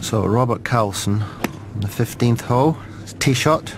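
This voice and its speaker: A middle-aged man giving shot-by-shot live golf commentary in terse, measured, clipped phrases. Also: mid-range voice. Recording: noisy outdoor broadcast ambience.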